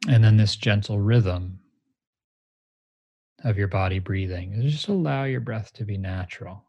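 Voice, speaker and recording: A man with a fairly low voice leads a grounding exercise as a meditation teacher. His delivery is gentle and measured, in short phrases, with a creaky, husky grain. The sound is dry and close. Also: no echo. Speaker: meditation teacher, interview guest.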